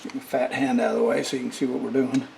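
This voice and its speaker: In an indoor workshop with rain hammering the tin roof, a middle-aged repair demonstrator gives an unhurried, halting tutorial as he works. His gravelly mid-range voice keeps a level tone, recorded by a camera over the bench amid the shop's noise.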